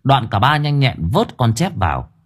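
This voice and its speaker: A man narrating an audiobook story in a lively, earthy storytelling manner, with a husky voice. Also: medium pitch, normal speed.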